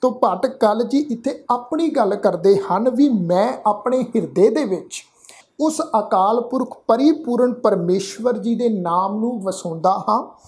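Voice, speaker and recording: A man from Punjab teaching how to pronounce scripture. He recites verses slowly and deliberately, then explains the spelling while addressing the congregation respectfully. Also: sits high, lively intonation, a little mellow. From Punjab, India.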